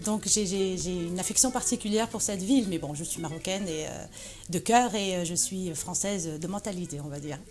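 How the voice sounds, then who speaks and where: Soft music plays behind this casual interview, where the guest, an association president from Morocco, speaks a little fast in a fairly low, slightly mellow voice. She chats loosely, often restarting and using fillers.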